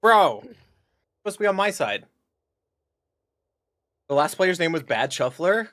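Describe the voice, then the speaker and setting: A man's voice: a little high, big pitch swings, a little slow, fairly bright tone, dry recording, clean studio sound. A young man hosting a gaming stream, chatting casually with profane, joking banter.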